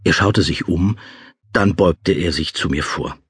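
A man reading an audiobook in a measured, vivid storytelling manner. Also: sits low, husky, no room sound, studio quality. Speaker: audiobook narrator. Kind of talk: scripted audiobook narration.

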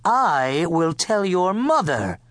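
A man's voice: sits high, sing-song, slow, fairly bright tone, no room sound, clean studio sound, heavily acted. A man doing a fretful royal cook. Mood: firm. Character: anxious devoted male royal cook.

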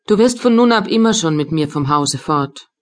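A gentle, caring young woman, read by a woman narrator who coaxes her partner with quiet worry. The voice sits a little low and stays soft and warm throughout the audiobook dialogue. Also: lively intonation, normal speed. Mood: tender. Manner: gentle, caring, anxiously coaxing. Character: tender, worried young woman, anxious lover.

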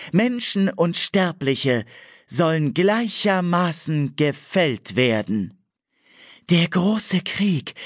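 An otherworldly male nymph seer intones a prophecy in a raised, drawn-out chant, as a man puts him on for an audiobook. Each phrase stretches slowly and rises well above a normal speaking voice. The sound is close and dry. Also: no echo, full character voice. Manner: slow, high, drawn-out incantation. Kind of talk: audiobook character voice.

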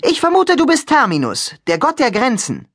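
A man voicing a calm, clever teenage girl in an audiobook, speaking in a level-headed, placating way. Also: very high voice, moderate pace, husky, voice pushed up, heavily acted. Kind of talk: audiobook character voice.

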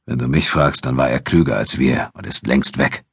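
A sardonic, unshakable Nubian warrior, as a man reads him aloud in an audiobook, speaking with offhand mockery. The voice is very deep and gravelly. It sounds breathy and husky. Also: normal speed, fairly bright tone, dry recording, full character voice. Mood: irritated, low. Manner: offhand, dry mocking tone.

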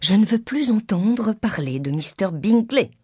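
A fretful, nervous middle-aged mother, voiced by a woman narrator in an audiobook, shrill and complaining. Her pitch leaps up and down, and the tone stays husky and mellow. The dry studio sound gives no room at all. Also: animated, a little slow, no echo. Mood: exasperated. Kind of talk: audiobook character reading.

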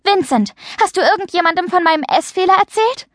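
A woman voicing a spirited, quick-tempered young girl who speaks in a high, upset voice. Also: expressive, no room sound, clean studio sound.

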